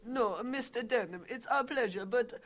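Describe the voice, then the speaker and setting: Woman doing a sly vampire guy, broken english, fake polite, a bit high. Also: moderate pace, close to an everyday voice. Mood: smooth, falsely polite.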